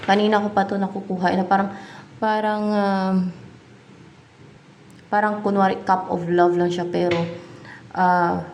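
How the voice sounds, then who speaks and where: Slow musing Filipina tarot reader. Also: female voice, mid-range voice, little pitch movement, a little mellow. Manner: slow, musing, thinking aloud and questioning herself. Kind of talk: tarot card reading. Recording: echoey room, faint background noise.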